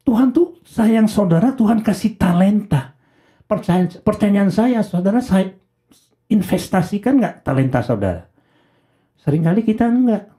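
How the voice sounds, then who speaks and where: Mellow-voiced man preaching a sermon. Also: high voice, expressive, moderate pace. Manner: conversational preaching with frequent rhetorical questions. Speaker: pastor.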